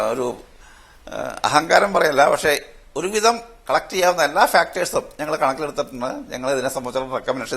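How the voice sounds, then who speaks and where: An older man, a retired judge who heads a fare commission, explaining in a halting way full of restarts on a televised panel. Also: on the high side, gravelly, fairly bright tone, slightly rough. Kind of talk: panel discussion.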